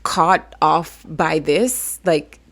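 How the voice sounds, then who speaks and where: A woman's voice: deep voice, extremely slow, a bit bright. A young woman giving a casual self-help talk to camera, emphatic and repetitive, sometimes dropping to a whisper. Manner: emphatic, repetitive, drops to a whisper when voicing the body. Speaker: vlogger.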